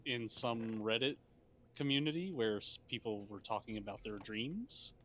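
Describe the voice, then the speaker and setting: A man with a bright, forward tone and a mid pitch chats on a call. He jokes dryly. A faint hiss sits behind him. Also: normal speed. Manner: dry, joking. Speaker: friend on voice call. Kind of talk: casual chat.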